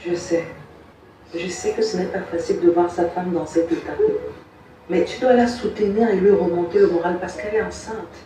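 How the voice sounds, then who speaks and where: A woman playing a calm, firm mother who lectures and soothes. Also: fairly low pitch, moderate pace, slight background noise, natural voice. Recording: echoey room, far off, faint music.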